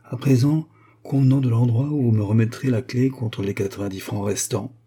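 A man's voice: medium pitch, steady tone, normal speed, mellow, slightly rough. A man reading an audiobook and voicing a polite, scheming middle-aged male manservant who speaks in a formal, composed way. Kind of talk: audiobook character voice.

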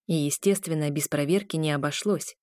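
A woman reading a first-person fantasy audiobook with wry, lively storytelling. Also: low voice, a little fast, no room sound, clean studio sound. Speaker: audiobook narrator.

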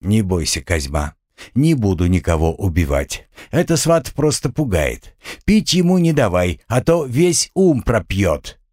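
A man voicing a calm young male mage commander who gives orders plainly. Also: lowish voice, unhurried, no echo, studio quality.

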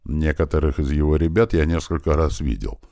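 A man narrating a first-person audiobook in a lively, conversational storytelling manner. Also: extremely low pitch, brisk, creaky, dry recording, clean studio sound.

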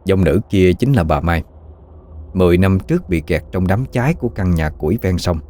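A man narrating a horror story in a measured, even way. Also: sits low. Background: faint music.

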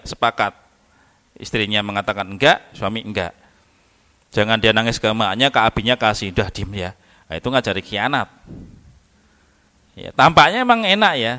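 A man giving a religious study lecture in a conversational, animated way, acting out children and parents as he talks. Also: mid-range voice. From Indonesia. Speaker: Islamic teacher.

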